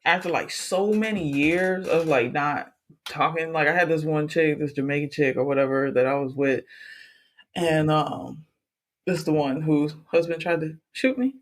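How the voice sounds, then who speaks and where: A man's voice: a little high, moderate pace. A man co-hosting a podcast, telling a story in casual chat with lots of swearing and laughter. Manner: animated, profane, laughs through his stories. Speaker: podcast co-host.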